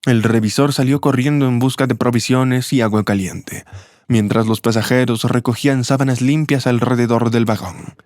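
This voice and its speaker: A man giving scripted narration of a story in an even, steady manner. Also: mid-range voice, moderate pace, dry recording, clean studio sound.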